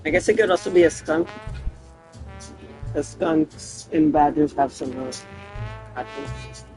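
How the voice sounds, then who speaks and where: A man with a hoarse voice giving rambling, casual commentary as he plays a game. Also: on the high side, measured pace, music in the background, low-quality recording. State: hoarse after recent surgery. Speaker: game streamer.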